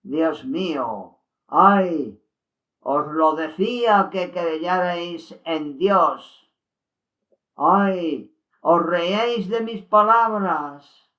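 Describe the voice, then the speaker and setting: A man's voice: high voice, drawn-out words, bright, forceful tone, voice pushed up, heavily acted. A man reading the lines of a grieving woman visionary who sighs and pleads with God. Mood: lamenting. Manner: lamenting sighs.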